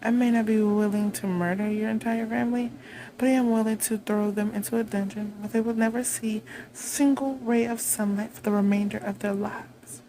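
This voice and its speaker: A woman voices a vengeful, haughty vampire queen in a roleplay monologue, taunting and commanding with a deliberate, imperious delivery that is only lightly acted. Her pitch is medium and her tone steady. The recording is rough, with crowd noise behind her.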